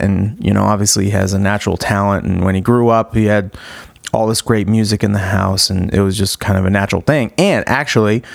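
A podcast host in his thirties has a gravelly, lowish voice, captured in a dry recording. He's enthusiastic and casual, rambling through the intro and chat with lots of fillers and restarts.

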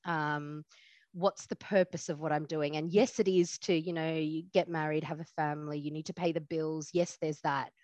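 A woman's voice: low-pitched, fairly even intonation, moderate pace, a little mellow, no room sound. Reflective woman, dry sound. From Australia. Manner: reflective, lots of fillers, laughs easily. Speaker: immigration lawyer, guest. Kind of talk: podcast interview.

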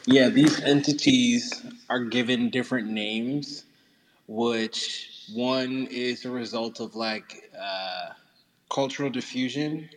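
A man in an online group chat talks in a casual, thinking-aloud way with many fillers. He is in a room with a big echo, so he sounds far off. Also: mid-range voice. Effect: big echoing room, voice sounds far off. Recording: echoey hall with noise, heard from afar.

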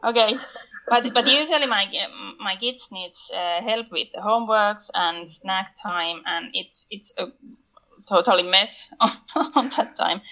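A woman's voice: medium pitch, sharp tone, rough recording. A woman from Finland speaking English with a Finnish accent as a non-native speaker, chatting carefully on a podcast. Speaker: podcast panelist. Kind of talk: casual podcast chat.

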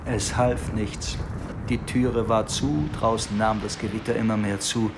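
A man giving scripted narration for a radio play, measured and even. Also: fairly low pitch, noisy background.

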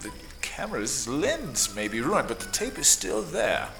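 A man's voice: medium pitch, big pitch swings, unhurried, gravelly. A man voicing a pompous, leering older professor who drawls his lines. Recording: background music.

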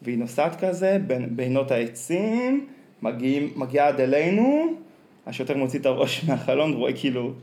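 Israeli accent guy, casual chat, rambles through anecdotes w lots of slang fillers, mid pitch. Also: very animated, warm tone. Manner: rambling, colloquial, heavy use of slang fillers.

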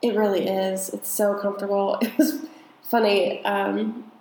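Woman, podcast co-host, mid-pitched voice, rambling casual chat, roomy echo. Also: flat delivery, unhurried, a little mellow. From United States. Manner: rambling, laughs often.

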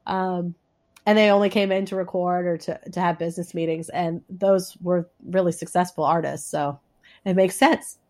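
A woman with a stuffy, congested nose talks conversationally as an interview guest, explaining things in a halting way. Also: fairly low pitch, fairly even intonation, a little mellow. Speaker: interview guest, author and coach.

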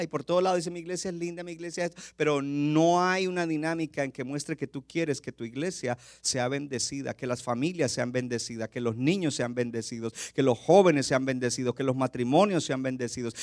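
A man's voice: a little high, dry recording, clean studio sound. A man preaching a sermon as pastor, passionate, building intensity and acting out quoted lines.

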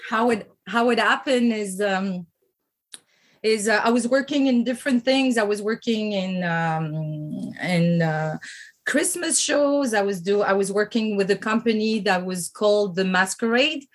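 A woman's voice: medium pitch, measured pace. A woman from France with a French accent, a podcast guest and former dancer, telling her story with many hesitations.

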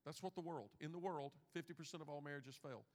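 A man in his fifties preaches with a notably high voice, dropping to a near hush and then rising to emphatic bursts. His words ring out with a long reverb tail from the church hall. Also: quick pace. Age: 50s. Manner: preaching with big swings in loudness, from hushed to shouting. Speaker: pastor. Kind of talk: sermon. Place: church sanctuary.

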